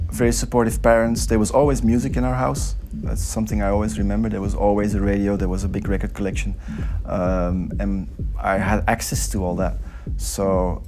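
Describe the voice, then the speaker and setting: A man, his voice sitting fairly low. He talks in a thoughtful, measured way as an interviewed DJ, with faint club music in the background. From Belgium. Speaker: DJ and producer, interview guest. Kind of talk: reflective interview talk. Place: nightclub.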